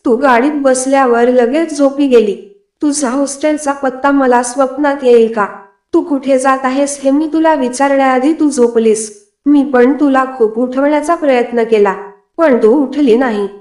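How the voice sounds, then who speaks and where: A woman's voice: sits high, measured pace, a little mellow, roomy sound. Woman reading as a brusque young man. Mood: chiding. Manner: scolding, curt. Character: brusque rich young man, bossy and blunt.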